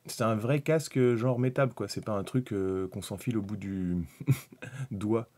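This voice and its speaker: Husky French man streaming casually. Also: lowish voice, unhurried, a little mellow. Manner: rambling, thinking aloud, with many fillers and restarts. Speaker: miniatures hobby streamer. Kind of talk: casual live-stream commentary.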